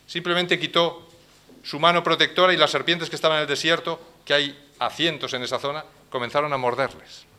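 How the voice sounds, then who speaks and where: Spanish pastor guy preaching, fairly high pitched, goes quiet then booms, real dramatic. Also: steady tone, a little fast. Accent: Spain Spanish. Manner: dramatic, swings between hushed and loud. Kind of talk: sermon.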